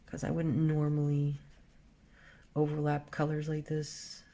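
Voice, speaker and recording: A forties art vlogger with a low-sitting, gravelly voice speaks at a measured pace as she chats casually and draws. She's relaxed, thinking aloud about the colors and often not finishing her sentences.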